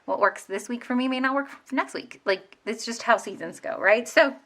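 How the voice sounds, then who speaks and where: Bright-voiced chatty woman vlogging. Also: a little high, moderate pace. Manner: chatty, rambling, many fillers and restarts. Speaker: planner vlogger. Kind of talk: casual plan-with-me narration.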